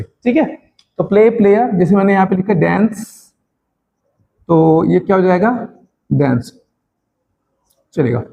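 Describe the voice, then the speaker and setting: An Indian man teaching a spoken English class in Hindi, slowly drilling tongue twisters and encouraging his students like a caring teacher. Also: high voice, creaky, warm tone, dull audio, slight background noise. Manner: addresses students as "beta", encouraging.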